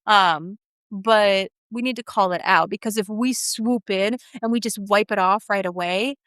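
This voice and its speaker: Her voice mid-range, clear and resonant, this feeding therapist takes an unhurried pace in a solo talk to parents. She teaches warmly and with animation, giving practical advice meant to encourage, and there's no echo.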